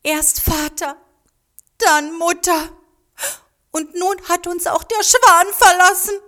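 A woman doing a high-voiced young girl. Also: heavily acted. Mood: sad. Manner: high, loud, drawn-out calls. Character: young girl, hopeful and tearful.

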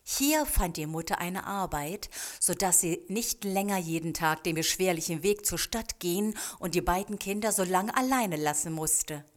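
A woman narrating a storybook in a calm, measured way. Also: lowish voice. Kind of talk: storybook reading.

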